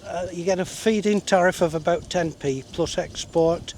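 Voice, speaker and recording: A man's voice: high voice, moderate pace, darkish tone, slight background noise. A man giving short, matter-of-fact answers in a casual interview outdoors. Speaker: farmer, customer being interviewed. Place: outdoors on a hilltop.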